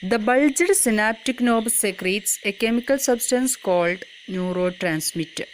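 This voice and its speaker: A woman's voice: fairly high pitch, animated, a little slow, slight background noise, low-quality recording. A woman reading a scripted educational narration for a school lesson. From Kerala, India.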